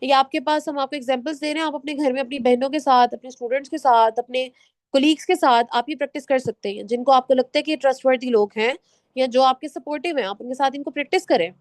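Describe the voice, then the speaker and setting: A woman with a Pakistani accent teaching a spoken English class, mixing Urdu with English and reading slide points slowly and firmly. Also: high-pitched, dry recording. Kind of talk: online class lecture.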